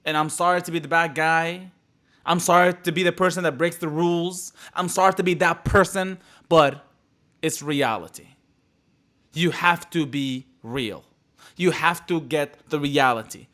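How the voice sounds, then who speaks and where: A man's voice: fairly high pitch, unhurried. Passionate man giving a motivational talk. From Middle East. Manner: passionate, repetitive, swings from loud to hushed. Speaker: motivational speaker. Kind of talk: live-streamed motivational talk.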